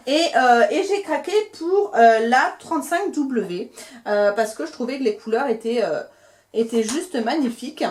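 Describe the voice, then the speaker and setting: A young woman chatting casually through a beauty haul, talking with lots of fillers and restarts as she shows and reviews products. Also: on the high side. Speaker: beauty vlogger.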